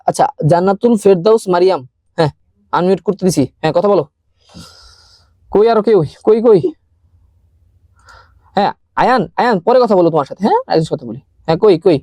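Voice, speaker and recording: A young man teaching a live online science class, talking fast and chatty and mixing in English words. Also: high voice, lively intonation, dark tone, dry recording, studio quality.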